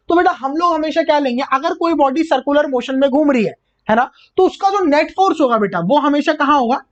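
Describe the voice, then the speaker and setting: A male physics teacher giving a revision lecture, asking his own questions and repeating key terms slowly. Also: very high voice. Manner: asks himself questions and answers them, calls students "beta" and "sir". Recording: muffled lo-fi recording.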